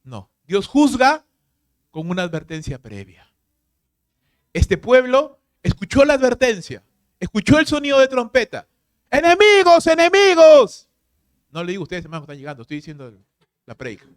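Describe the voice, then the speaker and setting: A man pastor preaching a sermon, emphatic and full of rhetorical questions, swinging from loud to hushed. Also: sits high, sing-song, fairly quick.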